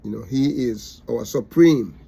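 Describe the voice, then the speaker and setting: A man's voice: medium pitch, a little slow, gravelly, warm tone, slightly rough. A man teaching a Bible study, repetitive and emphatic, with many fillers.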